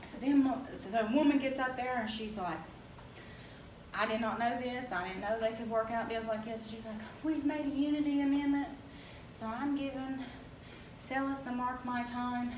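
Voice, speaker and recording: A young woman with an Appalachian accent telling a story in a casual, animated way, often laughing and acting out the voices she quotes. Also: on the high side, normal speed, noisy background. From Appalachia, West Virginia. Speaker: speaker telling her story. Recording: echoey room, mic from far off, faint ambience.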